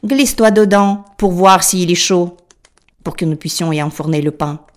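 A woman playing a loud, cruel old witch. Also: on the low side, normal speed, close to an everyday voice. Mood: scolding. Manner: loud scolding commands.

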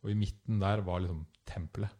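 A man telling a travel story in casual conversation, animated and acting out the people he quotes. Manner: animated, acts out quotes with rising pitch.

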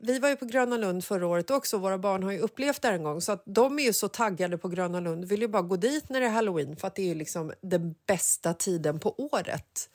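A woman in her forties, a podcast host, telling a personal story in a casual, emotional, animated way. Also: medium pitch, few pauses, no room sound, clean studio sound. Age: 40s.

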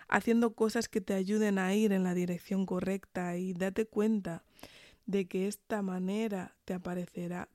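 A woman's voice: mid-range voice, a little mellow, dry recording, clean studio sound. A woman with an accent from Spain giving an earnest, encouraging motivational monologue straight to the listener as a podcast host, speaking while sick with a sore throat. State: sick with tonsillitis and fever.

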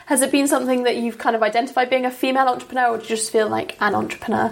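A woman's voice: a little high, steady tone, gravelly. A woman hosting an interview podcast, asking questions and encouraging her guest. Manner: encouraging, quick, friendly questions. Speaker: podcast host. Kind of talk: casual interview chat.

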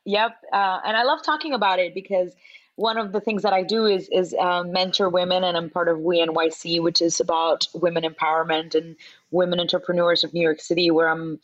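A woman in her forties from Venezuela, a chef chatting as an interview guest, animated and laughing often, with lots of fillers. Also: fairly low pitch, fairly quick, no room sound, dull audio. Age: 40s. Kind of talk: casual interview chat.

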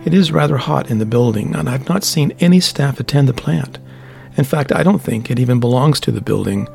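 A man's voice: medium pitch, expressive, brisk, creaky, a little mellow, faint music behind. Man playing a friendly, polite man. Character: kindly man, friendly and helpful.

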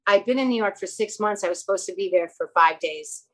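A woman guest in a relaxed interview, spinning long, animated stories that jump around. She voices the people in them as she goes. Her pitch sits in an ordinary middle range. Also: a little fast, rough recording. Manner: animated, rambling anecdotes with quoted dialogue. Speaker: guest, actress and clothing store owner. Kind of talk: casual storytelling interview.

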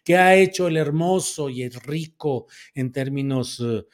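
A man with a Mexican accent hosting a casual commentary, reading viewer comments and answering them in a chatty, sardonic way. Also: on the high side. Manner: chatty, sardonic, drawn-out emphatic words.

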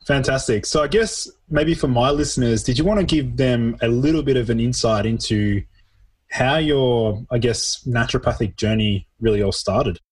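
A man's voice: mid-range voice, normal speed, breathy edge. A man hosting a podcast, introducing the show and interviewing a guest. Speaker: podcast host.

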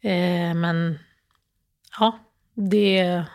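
A grieving woman as an interview guest, telling a personal story in a halting, emotional way with many restarts. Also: on the low side, fairly even intonation, darkish tone.

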